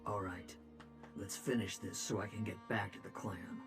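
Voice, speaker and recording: An actor voicing a gruff, curt Orc clansman in a video game, his voice echoing hollowly inside a helmet. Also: deep voice, fairly even intonation, moderate pace. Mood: curt, impatient. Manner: curt, blunt, reluctant. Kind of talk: video game character dialogue. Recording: game music behind the voice.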